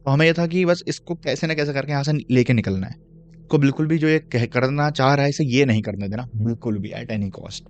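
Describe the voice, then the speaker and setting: A man's voice: medium pitch, a little fast, slight background noise. A young man telling a true horror story in a casual, chatty way, mixing in English slang and turning to the listener with asides. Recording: dull lo-fi recording.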